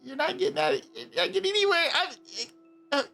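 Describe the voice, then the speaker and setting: A game master voicing a scared young blonde boy in a tabletop game, high, tearful and pleading. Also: wildly swooping pitch, fast talker, gravelly, pushed and bright, faint music behind, exaggerated voice. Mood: scared crying.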